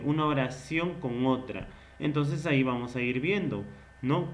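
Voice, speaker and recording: A man teaching literature in a recorded lecture. He asks questions and answers them himself, and he repeats key words slowly. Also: a little high.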